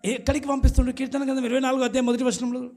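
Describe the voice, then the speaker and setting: A man with a high, gravelly voice preaches an emphatic sermon, pressing the congregation to shout back their answers. Faint music plays behind him in the church. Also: little pitch movement, very fast. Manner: exhorting, urging the congregation to answer aloud. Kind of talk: emphatic sermon with call-and-response. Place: church at a night service.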